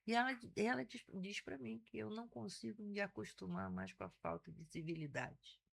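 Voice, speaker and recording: A woman in her sixties with a Carioca accent, speaking as an interview guest. Her voice has a gravelly, fry-edged texture. She tells her stories with animation and keeps restarting her sentences. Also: mid-range voice, normal speed. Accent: Carioca Portuguese. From Brazil (Rio de Janeiro). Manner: animated storyteller, frequent self-restarts. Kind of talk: casual conversational interview.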